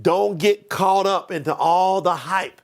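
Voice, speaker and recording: A man's voice: sits high, slow. A man giving an emphatic, preachy motivational training talk as a life coach.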